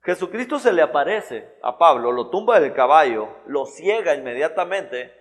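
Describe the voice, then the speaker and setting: A man's voice: on the high side, animated, moderate pace. A man preaching a sermon in a church hall, in a conversational style full of restarts and repeated words.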